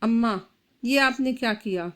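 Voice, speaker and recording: A woman voicing a gentle, bewildered young wife in a storybook. She speaks softly and pleads. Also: on the high side, a little slow, natural voice. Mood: pleading.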